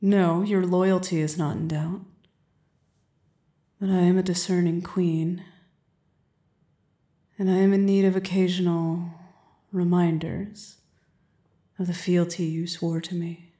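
Casting: an imperious, seductive queen played by a woman, flat, mellow, slow delivery with frequent whispers, roomy echo. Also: on the low side. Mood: regal, commanding. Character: commanding, seductive adult queen on her throne. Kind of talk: audio roleplay.

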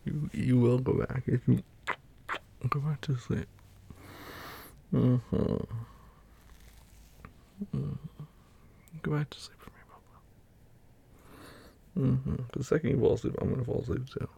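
In a whispered boyfriend roleplay ASMR, a man murmurs low and intimately, often sinking into a whisper, close to the mic. His very husky, breathy voice has gravelly fry and a warm, mellow, soothing softness. He keeps a steady tone, speaks slowly, and leaves long pauses.

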